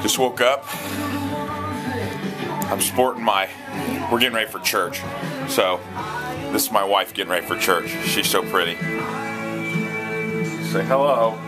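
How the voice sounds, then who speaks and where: A man's voice: lowish voice, unhurried, long pauses, loud music behind the voice. Playful middle-aged dad filming his family. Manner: playful, teasing, shouts to wake his kid. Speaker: family vlogger. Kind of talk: casual family vlog.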